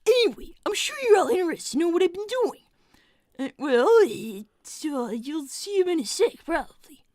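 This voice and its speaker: In a live roleplay stream with chat, a woman performs a nervous, earnest young male fox who stammers and rambles while streaming live. Her very high voice is expressive and darkish in tone at a moderate pace, recorded at studio quality with no echo.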